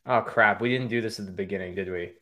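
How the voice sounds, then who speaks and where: A man's voice: fairly low pitch, fast talker, bright, forceful tone. A man hosting his own livestream, reading viewer comments aloud and steering the show, often stumbling and restarting his sentences. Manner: stammering restarts, reads chat comments aloud, upbeat. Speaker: livestream and podcast host. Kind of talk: casual livestream chat.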